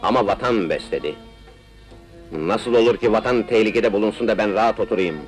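A man's voice: deep voice, fairly quick, lightly acted. An actor playing an ardent, resolute Ottoman officer, speaking solemnly in a theatrical period film melodrama. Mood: fervent, patriotic. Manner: solemn, declamatory. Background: music.

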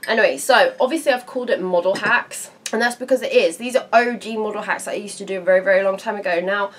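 A British woman in her thirties, a beauty vlogger chatting frankly to camera in a casual, animated and sweary way. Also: mid-range voice, fast. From England.

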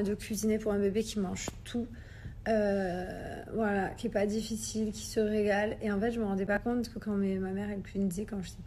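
A woman's voice: medium pitch, a little hiss or hum. A young mother chatting casually to her followers in a phone story, rambling with lots of fillers.

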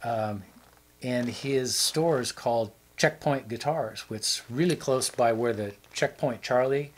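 A man's voice: medium pitch, unhurried, low-quality recording. A man co-hosting a casual chat show, rambling and joking as he talks. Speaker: show co-host.

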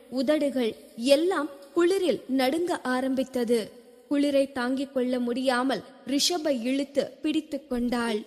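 Woman audiobook narrator: high voice, steady storytelling, long hall reverb. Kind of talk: scripted narration.

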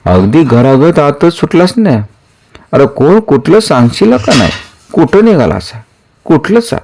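A man voicing a rough, blunt male fort guard who questions strangers in coarse, teasing rustic speech. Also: fairly high pitch, big pitch swings, a little slow, noisy background, pitched above the performer's own voice, exaggerated voice. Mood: mocking.

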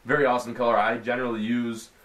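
A man's voice: mid-range voice, little pitch movement, racing, fairly bright tone. A young man with a Midwestern American accent, casually chatting through a fishing tackle unboxing in his small bedroom, full of slang and fillers. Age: young adult. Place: small bedroom with a desk, indoors.

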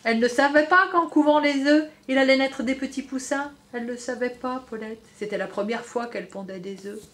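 A woman teacher reading a storybook aloud to young children, expressive and stopping to comment to them directly. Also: high-pitched, fairly quick.

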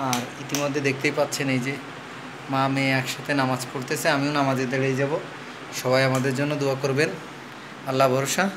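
A middle-aged man chats casually through a family vlog at home, tired from fasting and teasing his child playfully. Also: mid-range voice, flat delivery, background noise. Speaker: family vlogger. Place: family home at the iftar table.

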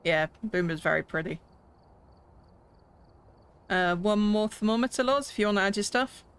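A woman's voice: medium pitch, expressive, normal speed, clean tone. A woman streamer chatting casually with friends while playing a ghost-hunting game, calling out readings and plans. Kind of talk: casual gaming chat.

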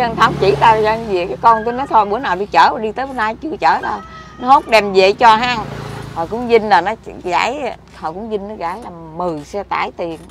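A middle-aged woman with a Southern Vietnamese accent, rambling excitably and scolding in a street conversation. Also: a little high. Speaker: interviewee. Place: outdoors by a street. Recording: loud street traffic behind.

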